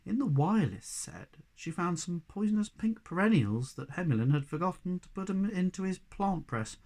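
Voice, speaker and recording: A man, a primary school teacher, reading a children's storybook aloud in an expressive way. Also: high-pitched, moderate pace.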